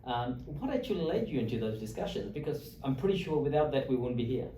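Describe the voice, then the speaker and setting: A man's voice: mid-range voice, lively intonation, fast talker, mellow, slight background noise. Chatty man hosting, echoey room. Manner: friendly, talkative with frequent fillers and restarts. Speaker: host, lawyer. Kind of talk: interview chat. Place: office or meeting room in Australia. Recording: echoey room, mic at a distance.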